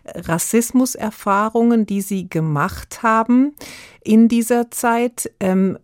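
A woman hosting a radio interview, asking measured, formal questions. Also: medium pitch, a little mellow, no room sound, clean studio sound. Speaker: radio host.

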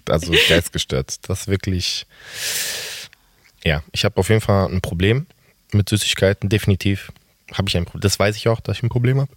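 A man's voice: deep voice, fairly quick, a bit bright, no room sound. Candid man rambling in a dry close voice. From Germany. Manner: rambling, candid, self-mocking. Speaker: guest. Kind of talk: casual podcast conversation.

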